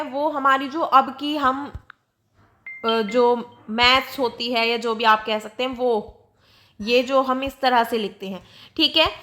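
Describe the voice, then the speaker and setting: A woman's voice: high voice, pushed and bright. A woman teaching a grammar lesson, explaining patiently and repeating examples with frequent checks.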